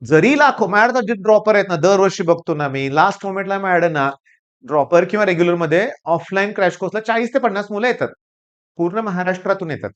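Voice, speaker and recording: A man's voice: high voice, fast, fairly bright tone, clean tone. A middle-aged man, a counsellor and tutor, giving a blunt and emphatic lecture-style talk to students and parents. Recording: dull lo-fi sound.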